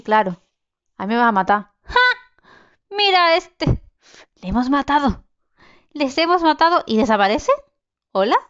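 Chatty woman gamer, lo-fi mic. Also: medium pitch. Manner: chatty, swearing, exclaiming at the game. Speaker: gaming channel host. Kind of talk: casual let's-play commentary.

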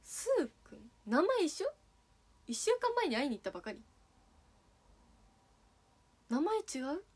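A woman's voice: high-pitched, sing-song, measured pace, long pauses, darkish tone. Giggly young woman with a Kagawa accent. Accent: Sanuki dialect (Kagawa). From Kagawa, Japan. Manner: giggly, playful, teasing. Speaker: idol streaming and chatting with fans. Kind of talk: casual livestream chat reading fan messages.

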